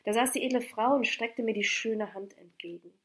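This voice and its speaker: A woman narrating a classic novel as an audiobook, expressive and declamatory. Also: a little high, normal speed, breathy edge. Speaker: audiobook reader.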